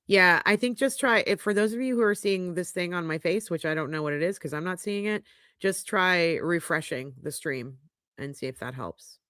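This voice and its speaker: A woman's voice: fairly low pitch, moderate pace, fairly bright tone, no echo, clean studio sound. A middle-aged woman hosting a livestream, congested and sniffly, chatting frankly as she reads viewer comments aloud. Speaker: podcast host reading live chat. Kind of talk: casual livestream chat. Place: home podcast studio. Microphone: studio microphone.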